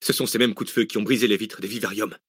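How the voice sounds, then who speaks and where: A shaken young male adventurer from a storybook thriller, as the narrator puts him on. He snaps out clipped, urgent warnings in a lowish voice. The sound is close and dry, with no room around it. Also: fairly even intonation, fast talker, breathy edge, dry recording.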